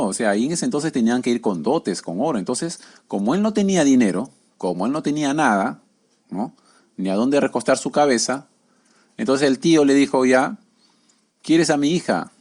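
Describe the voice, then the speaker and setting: A man's voice: medium pitch, darkish tone. A man preaching a conversational sermon, often tagging his lines with questions to the listeners.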